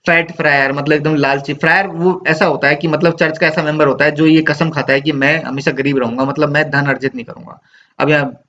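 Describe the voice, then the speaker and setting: Male teacher, recorded lecture; patient, repetitive explainer; somewhat high voice, dull lo-fi audio. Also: level tone, brisk, a bit bright, a little hiss or hum. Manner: explanatory, repeats key points with tag questions.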